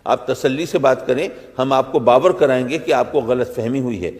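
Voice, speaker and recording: A man's voice: medium pitch, darkish tone. Preaching man in a reverberant hall. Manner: rhetorical, builds long chains of parallel phrases; recites Arabic verses and slips in English phrases. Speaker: religious scholar giving a sermon. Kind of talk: Urdu religious lecture.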